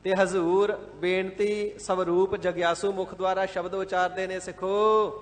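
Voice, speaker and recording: A man with a high voice gives a devout sermon, explaining scripture phrase by phrase in a measured way. Now and then he slips into a brief chant of a verse. His voice carries a long reverb from a large hall. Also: little pitch movement. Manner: devout, measured, repeats and glosses words, sometimes chants verses. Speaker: Sikh scripture expounder. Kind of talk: line-by-line scripture exposition sermon.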